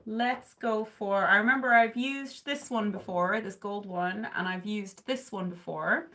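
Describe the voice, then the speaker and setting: A chatty beauty livestreamer from southern Ireland applies makeup indoors in her bedroom, close to a webcam or phone camera, while reading comments from viewers. Her mid-range voice sounds pushed and bright and runs a little slow, her talk rambles with plenty of "like" and "um," and she coos at her cat.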